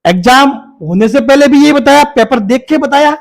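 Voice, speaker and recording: Male exam-prep teacher, very high voice, emphatic and repetitive, keeps checking that students follow. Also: animated, moderate pace, gravelly. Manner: emphatic, repeats points, asks "बात clear?". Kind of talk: casual talk to students.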